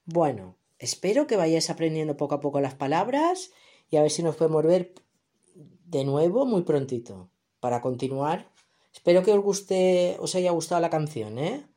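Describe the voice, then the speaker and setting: Spanish woman teacher for a kids' vocabulary lesson, lowish voice with lots of melody, speaks slowly. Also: lively intonation, mellow. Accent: Spain Spanish. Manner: slow, drawn-out model words for repeating. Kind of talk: English vocabulary lesson for children.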